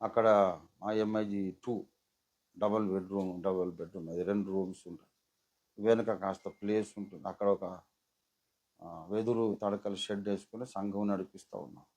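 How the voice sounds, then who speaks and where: A man's voice: low voice, steady tone, moderate pace, long pauses, dark tone. A middle-aged man preaching a sermon as a pastor, acting out voices from the story as he goes.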